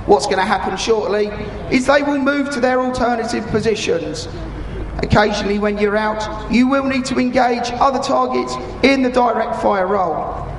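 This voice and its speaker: A man's voice: extremely high pitch, normal speed. A British man in his thirties giving live, explanatory commentary to spectators at a military display, in informal language over a public address microphone. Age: 30s. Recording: echoey arena PA, crowd and noise.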